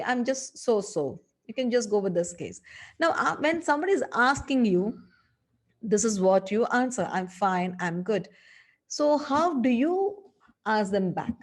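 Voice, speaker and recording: A woman's voice: on the high side, darkish tone. A woman teaching a lesson as a communication coach, acting out sample phrases with changing tone. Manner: instructive, demonstrates phrases with exaggerated tone shifts. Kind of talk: spoken English lesson.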